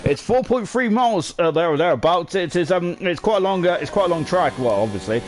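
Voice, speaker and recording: Guy commentating a racing game stream, bit high voiced, rambly with lots of ums, pokes fun at himself. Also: animated, a little fast. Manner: rambling, self-deprecating, lots of fillers. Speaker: race commentator.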